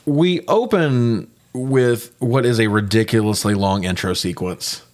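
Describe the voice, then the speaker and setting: With a mid-range voice and a slightly slow delivery, a man gripes his way through a casual movie review chat as a podcast co-host. He swears plenty and stays animated.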